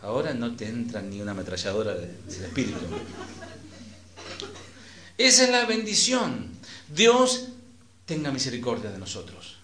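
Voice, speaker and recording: A man with an Argentine accent preaching a sermon as pastor, switching between loud emphatic phrases and soft trailing endings, with conversational asides to the congregation. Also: mid-range voice, sing-song, normal speed, long pauses, roomy sound.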